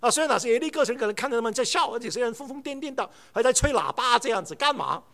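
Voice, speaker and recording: 一位男传道人在讲道，语气生动，常模仿对话讲故事。. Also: male voice, very high-pitched, very fast, vocal fry. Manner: animated storytelling, acts out dialogue. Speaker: preacher. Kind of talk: sermon.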